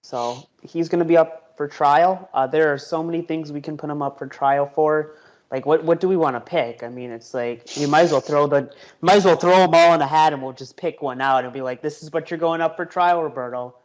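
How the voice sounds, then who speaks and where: A man's voice: a little high, a little fast. A man on a podcast, giving short agreeing replies and blunt opinions. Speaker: podcast guest, community co-president. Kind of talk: casual podcast chat. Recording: dull lo-fi sound.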